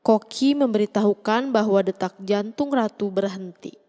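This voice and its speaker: A woman's voice: mid-range voice, normal speed, mellow, in a large hall. A woman reads a scripted story recap as the narrator. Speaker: narrator recapping a drama series.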